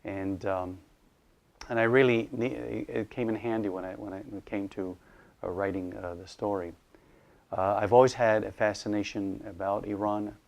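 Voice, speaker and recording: Middle-aged man from Iraq, an author and educator, somewhat low voice, halting, thoughtful interview delivery. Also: fairly even intonation, gravelly, a little mellow. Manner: thoughtful, hesitant with many fillers and restarts. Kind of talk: casual interview monologue.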